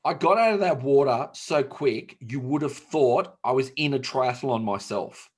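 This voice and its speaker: A man's voice: medium pitch, unhurried, slightly rough. A man with an Australian accent co-hosting a casual comedy chat, telling jokey stories and acting out quotes. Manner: animated, jokey storytelling with acted-out quotes. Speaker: co-host.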